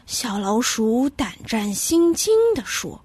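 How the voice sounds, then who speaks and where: A woman with a high, bright voice tells a children's tale slowly and with wide, playful swings of pitch. Her tone is clear and animated, and the sound is close and dry. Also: no room sound. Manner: expressive, sing-song. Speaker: storyteller. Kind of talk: children's story narration.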